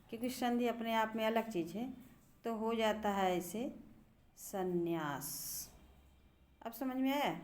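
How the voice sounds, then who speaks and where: A middle-aged woman teacher with a somewhat high voice talks her students through a grammar lesson. She is patient and drawn out, often saying a word slowly several times so its sound is clear. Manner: patient, repeats words slowly to show pronunciation.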